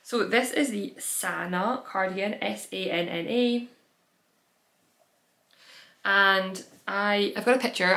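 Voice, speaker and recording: A knitting podcast host and pattern designer with a mid-range, fairly bright voice does a casual, chatty show-and-tell of her projects. She rambles along, using fillers and correcting herself as she goes.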